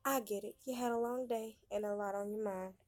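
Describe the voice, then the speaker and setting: A woman's voice: medium pitch, fairly even intonation, brisk, a little mellow, dry recording, lightly acted. A woman voicing a friendly, teasing young servant woman in a story game, in a playful, confiding manner. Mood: kind.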